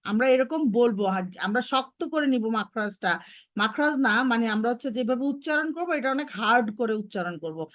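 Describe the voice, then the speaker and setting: A woman's voice: on the high side, animated, fairly quick, no room sound, studio quality. A woman with a Bangladeshi Bengali accent teaching Arabic letter sounds to children in an online lesson, patiently modeling each sound.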